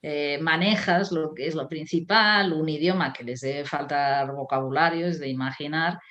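A woman's voice: sits low, normal speed, fairly bright tone, highs cut off. A woman, a writer and critic, talking in a reflective way with many fillers and restarts. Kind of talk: conversational interview.

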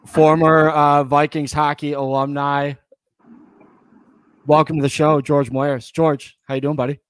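A man's voice: on the high side, level tone, measured pace, smooth, no room sound. An American man hosting a casual sports podcast, emphatic and repeating phrases for effect. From United States. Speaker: podcast host.

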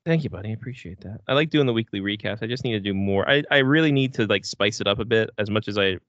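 A man's voice: fairly low pitch, fast, fairly bright tone, no echo, dull audio. A man hosting a sports podcast with casual, slangy, bro-ish banter and loose swearing. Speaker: hockey podcast host.

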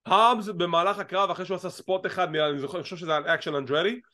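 A man with a high, light voice, co-hosting a wrestling chat show. He talks in an animated, teasing way and drops English phrases in along the way. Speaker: wrestling podcast co-host. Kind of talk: casual chat.

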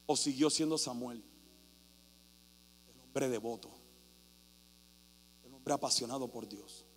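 A man preaching a sermon as pastor, telling a story animatedly and acting out shouting crowds. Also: medium pitch, slow pace. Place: church hall. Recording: reverberant hall with mains hum.

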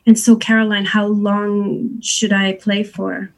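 A woman speaking as an interview guest, explaining and gently guiding in unscripted talk, searching a little for her words. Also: mid-range voice, level tone, slow pace, vocal fry, low-quality recording. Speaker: interview guest, sound healer and Reiki practitioner.

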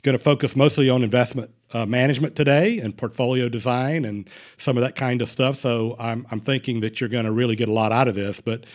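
A man's voice: mid-range voice, steady tone, fairly quick. A man hosting an interview podcast in a casual, hesitant way, with many fillers and restarts. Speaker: podcast host.

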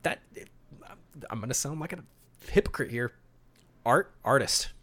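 A man hosting a podcast speaks in a bright, forceful, medium-pitched voice with lively intonation and a measured pace. He mixes storyboard summaries read aloud with opinionated, emphatic asides that include mild cursing.

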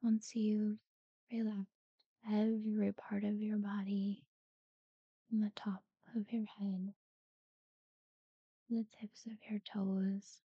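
A woman guiding a sleep meditation in a soft, breathy near-whisper, soothing and unhurried, with long pauses between short phrases. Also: mid-range voice, flat delivery, no echo, lo-fi sound. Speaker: guided relaxation narrator. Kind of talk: guided sleep meditation talkdown.

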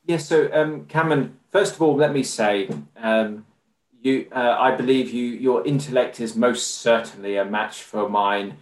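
Man, English accent, formal conversational talk, echoey room. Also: mid-range voice. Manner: measured and formal, with many fillers. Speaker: podcast guest. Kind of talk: conversational interview. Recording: roomy echo.

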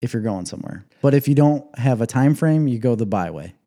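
Man, forties, podcast host, warm mellow voice, joking, rambling talk. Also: medium pitch, animated, brisk. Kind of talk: casual chat. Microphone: headset.

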